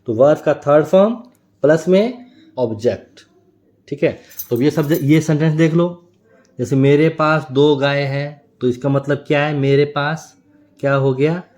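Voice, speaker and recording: Man teaching grammar with a dark voice. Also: a little high, measured pace. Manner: explains step by step, checks with a tag question. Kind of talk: grammar lesson.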